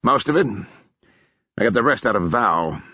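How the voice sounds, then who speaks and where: A lanky soldier officer with a dry, deadpan wit, as a male narrator puts him on, his husky voice lifted above the reader's usual low tone. The lines swing lively in pitch. The audiobook recording is dry and a little dull. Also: moderate pace, no room sound, heavily acted. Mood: wry. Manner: deadpan, ironic.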